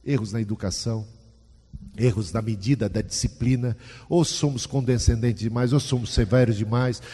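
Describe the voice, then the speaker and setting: A man gives a sermon, chatting with the congregation and asking them questions. His voice is mellow and a little husky. It rings with the long echo of a church hall. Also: mid-range voice, fairly even intonation, normal speed. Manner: conversational, asks the audience questions. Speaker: preacher.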